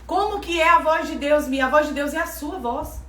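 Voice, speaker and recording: A woman's voice: high-pitched, moderate pace, a bit bright, a little hiss or hum. A woman with a Brazilian accent giving a preaching lesson, emphatic and repeating phrases for stress. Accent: Brazilian Portuguese. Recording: echoey room from far off, faint ambience.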